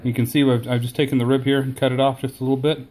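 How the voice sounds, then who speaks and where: A man talking casually to the camera about his cooking at home outdoors, relaxed and enthusiastic, with frequent fillers. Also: mid-range voice, racing, a little hiss or hum. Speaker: home cook reviewing his new smoker.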